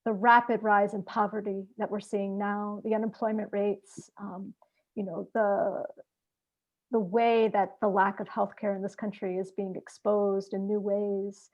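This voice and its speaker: A woman's voice: mid-range voice, flat delivery, unhurried, darkish tone. A woman speaking steadily in a casual discussion, stringing points together with fillers. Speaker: participant in an activist forum. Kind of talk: casual discussion on a video call. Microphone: video call. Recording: dull lo-fi video call audio.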